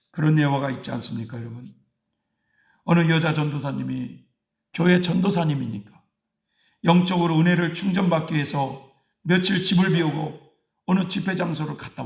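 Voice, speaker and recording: A male pastor delivers a sermon in a raised, gravelly voice. He tells a story and keeps turning to his congregation with short prodding questions. The sound carries through a roomy, echoing space. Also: fairly high pitch. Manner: tells stories and prods the congregation with repeated "예?" and "음?".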